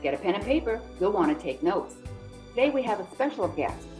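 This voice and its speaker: A woman hosting a podcast, reading a guest introduction, then chatting in a slightly halting way. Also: mid-range voice, big pitch swings, darkish tone, soft background music, low-quality recording. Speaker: podcast host. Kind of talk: podcast intro and casual interview.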